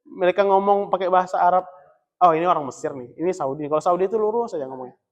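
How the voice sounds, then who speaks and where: A man teaching an Arabic lesson in a mosque in a relaxed, joking classroom manner, chuckling often. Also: high voice, fast talker, dull audio. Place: mosque study room.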